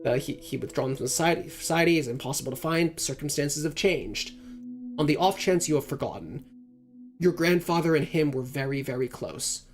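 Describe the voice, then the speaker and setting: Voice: medium pitch, a little fast, music in the background, close to an everyday voice. A person reading a formal, apologetic letter writer.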